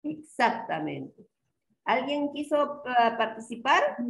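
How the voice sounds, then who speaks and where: A woman with a Peruvian Spanish accent teaches an online class at an unhurried, deliberate pace. Her voice is a touch high and carries a roomy echo. She keeps asking her students questions as she explains. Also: sing-song, creaky.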